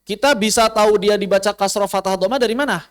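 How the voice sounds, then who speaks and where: A man with an Indonesian accent teaching an online recitation class, asking and answering his own questions and slowing down to spell out Arabic words. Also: high voice, a bit bright.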